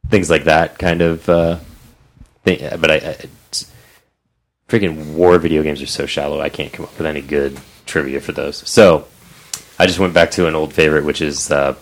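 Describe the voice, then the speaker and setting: A man's voice: extremely low pitch, fairly even intonation, moderate pace. A man talking casually as a podcast host and quizmaster, bantering loosely with friends.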